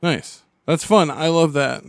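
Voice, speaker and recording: A man's voice: on the high side, a little slow, no room sound. Man, podcast co-host, casual and enthusiastic, dry close sound. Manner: relaxed and enthusiastic, swears casually. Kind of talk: casual chat.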